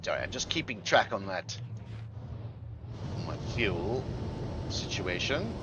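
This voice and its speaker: A man streaming a video game, chatting casually in a playful, theatrical, mock-gentlemanly way. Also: fairly low pitch, sing-song, a little slow, background noise. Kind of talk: casual gaming commentary.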